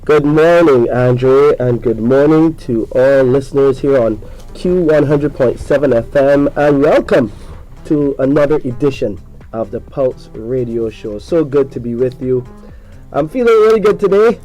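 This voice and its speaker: A man's voice: medium pitch, a little slow, warm tone, faint music behind, poor audio. A man hosting a hospital radio talk show, greeting listeners and introducing guests in an upbeat way.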